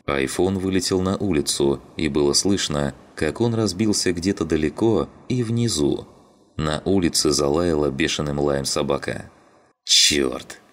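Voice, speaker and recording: A man narrating an audiobook in a steady, even storytelling manner. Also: very deep voice, normal speed.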